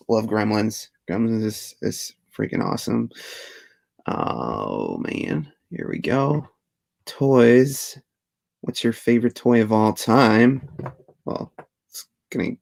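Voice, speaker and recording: Hosting a live Q&A stream, a man in his thirties from Belgium whose first language is Dutch reads out viewer comments in a relaxed, chatty way. His lowish voice is gravelly and a little mellow, and he laughs frequently and sometimes restarts words.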